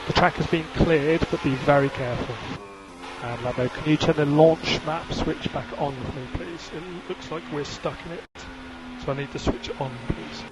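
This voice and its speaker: Speaking at a moderate pace with fairly even intonation, a fairly high-pitched man works as a race engineer on team radio. He gives clipped, businesslike directions and repeats key calls over a very noisy link with engine and vehicle noise and music in the background.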